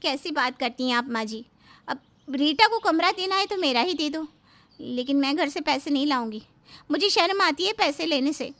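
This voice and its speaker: A woman's voice: sits high, lively intonation, moderate pace, a bit bright. Woman voicing a put-upon young daughter-in-law. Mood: complaining. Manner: complaining, defensive.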